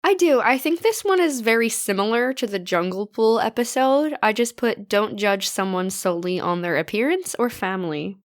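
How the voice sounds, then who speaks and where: A woman's voice: medium pitch, animated, normal speed, few pauses. A woman of about thirty co-hosting a podcast, rambling and giggling in casual chat. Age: 30s. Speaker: podcast co-host.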